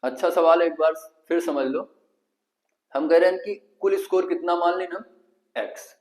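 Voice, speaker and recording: A man's voice: high voice, moderate pace, darkish tone, rough recording. A man with a Kanpuri Hindi accent teaching an exam-prep math lesson, asking the class questions and answering them himself step by step.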